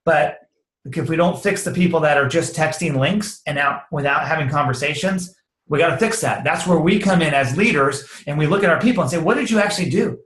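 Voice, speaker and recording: A man giving a casual, energetic sales training talk, slangy and quick to act out sample conversations. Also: a little high. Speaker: network marketing trainer. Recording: roomy echo.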